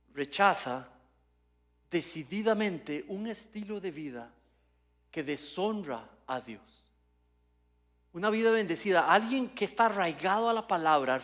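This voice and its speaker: High-voiced man preaching a sermon. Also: a bit bright. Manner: preaches with rhetorical questions and lists, rising to emphatic passages. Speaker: pastor. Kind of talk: Spanish-language sermon. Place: church service.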